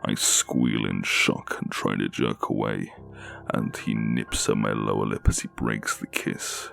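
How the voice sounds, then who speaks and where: Male narrator, extremely low haunting voice, heavy creak, scripted horror storytelling, faint music. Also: steady tone, a little slow, a bit bright.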